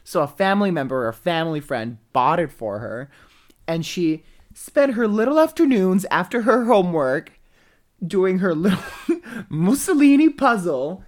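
A man's voice: sits high, very animated, moderate pace. A man in his forties co-hosting a podcast in casual, campy, rambling chat. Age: 40s. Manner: campy, rambling, mock-serious. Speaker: podcast co-host.

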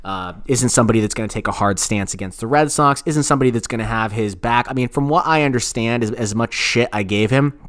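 In clean studio audio with a dry sound, a male podcast co-host rattles off casual, swear-laden takes on sports radio, looping back over phrases as he rambles. He speaks fast with few pauses, his mid-range voice a bit bright.

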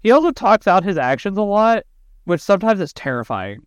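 Male podcast host, slightly high clear voice, casual slangy storytelling, sweary, dry sound. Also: brisk, dry recording, muffled recording. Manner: animated, slangy, sweary retelling with acted-out quotes.

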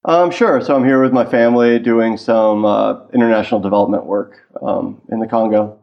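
A man's voice: fairly low pitch, fairly even intonation, normal speed, vocal fry. A man from Washington, D.C. answering interview questions thoughtfully over a remote line, with fillers and restarts. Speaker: guest historian. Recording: dull lo-fi call-in line.

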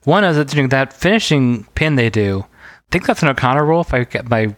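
A man's voice: medium pitch, lively intonation, normal speed, dry recording. A man co-hosting a podcast, chatting casually and sharing wrestling trivia. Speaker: podcast co-host. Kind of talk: casual chat.

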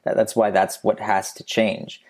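A man's voice: on the low side, level tone, measured pace, a little mellow, breathy edge. A man talking as a podcast guest in a casual, rambling way, with many restarts and fillers. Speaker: guest, YouTube creator.

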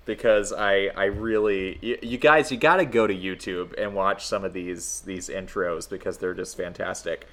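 A man with a fairly low voice hosts a podcast. He chats casually and rambles, often hesitating as he finds his way through a thought. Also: normal speed, few pauses, fairly bright tone. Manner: hesitant, rambling, filler-heavy. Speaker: podcast host. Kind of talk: casual film-history chat.

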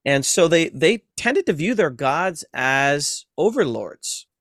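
A man's voice: a little high, sing-song, slow pace, fairly bright tone, no echo, studio quality. A man who is a seminary professor, a guest on a podcast, explaining ideas patiently with everyday comparisons. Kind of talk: explanatory interview talk.

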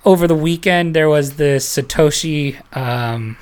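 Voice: medium pitch, measured pace, clean tone. A podcast host leading a casual panel chat, loose and rambling, laughing often and reading headlines aloud.

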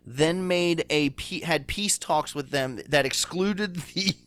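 A man's voice: a little high, takes it slowly, fairly bright tone. A man with a Baltimore accent, a stand-up comic chatting casually on a podcast, joking and swearing as he slips into silly voices. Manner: jokey, swearing, puts on silly voices in bits. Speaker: stand-up comedian guest.

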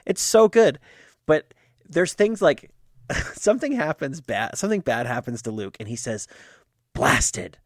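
A young adult man chatting casually as a podcast co-host, excitable and quick to laugh, his voice jumping up when he gets enthused. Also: fairly high pitch, no echo, clean studio sound. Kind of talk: casual chat.

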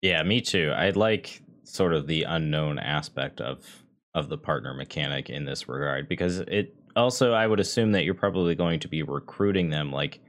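Very deep-voiced man chatting casually. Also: expressive, moderate pace, fairly bright tone. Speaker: podcast host. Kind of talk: casual discussion.

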